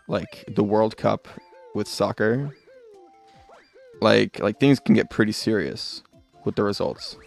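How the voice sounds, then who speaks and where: A man's voice: on the low side, creaky. A man streaming a video game live, chatting casually and rambling, often muttering asides and correcting himself. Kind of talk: casual live gameplay chat.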